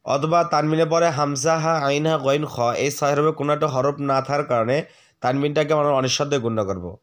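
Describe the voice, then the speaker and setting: A man teaching the rules of Quran recitation, patiently spelling out each letter, asking the viewer questions and reciting words slowly for them to repeat. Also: on the high side, steady tone, clear, resonant tone. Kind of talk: tajweed lesson, spelling out letters and drawn-out recitation.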